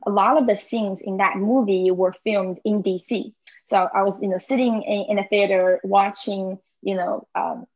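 A woman's voice: mid-range voice, no echo, highs cut off. Hesitant young woman from southern China. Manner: hesitant, many fillers, frequent laughs. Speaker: podcast guest. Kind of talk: casual conversation.

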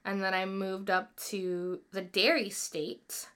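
A woman's voice: mid-range voice, little pitch movement, slow, fairly bright tone, smooth. A woman in her twenties co-hosting a podcast, chatting casually and rambling, often correcting herself mid-sentence. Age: 20s. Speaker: podcast co-host. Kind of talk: casual personal chat.

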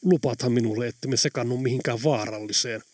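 A man reading an audiobook, voicing an excitable adult man who speaks loudly and emphatically. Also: mid-range voice, no room sound, clean studio sound. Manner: emphatic, loud.

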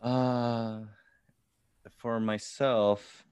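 A man's voice: medium pitch, flat delivery, extremely slow, a little mellow, clear, resonant tone, no echo. A man who grew up in California and is a songwriter, giving casual interview answers with many fillers and restarts. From born in the Philippines, grew up in California. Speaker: musician, songwriter.

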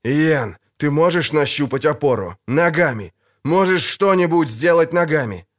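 Man doing a grim tired witcher, low and terse, few words. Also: animated, moderate pace, natural voice. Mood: strained. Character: grim weary male monster hunter, middle-aged.

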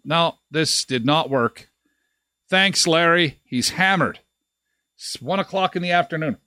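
A man's voice: fairly high pitch, measured pace, pushed and bright, no room sound. A man hosting a live morning show, joking and rambling with lots of fillers. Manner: jokey, rambling, many fillers. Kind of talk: casual live show chat.

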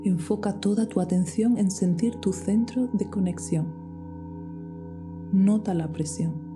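A woman guiding a meditation in a soft, slow voice that often drops to a whisper. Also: mid-range voice. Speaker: meditation guide. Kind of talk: guided meditation. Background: soft music with singing bowls.

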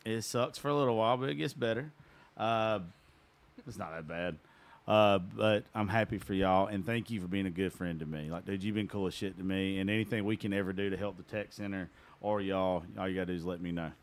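A man hosts a casual podcast, swearing freely as he talks with his guest. His voice sits on the low side. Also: a little fast. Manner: swears casually, brief reactions. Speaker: podcast host.

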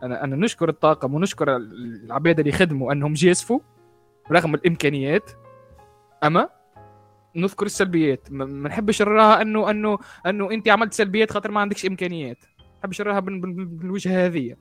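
A man's voice: sits high, racing, fairly bright tone, faint music behind. A man with a Tunisian Arabic accent, co-hosting a casual discussion and repeating himself for emphasis. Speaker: podcast co-host.

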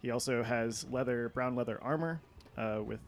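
A man's voice: mid-range voice, moderate pace, a little hiss or hum. A man playing a tabletop game, casually describing his character with some stumbles. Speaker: player.

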